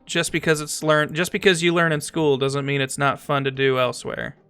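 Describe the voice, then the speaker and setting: A man streaming a strategy game, chatting casually, thinking aloud, talking to his chat, and sometimes reading game text aloud slowly. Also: on the high side, little pitch movement, bright, forceful tone, clear, resonant tone, soft background music. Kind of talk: casual gameplay commentary.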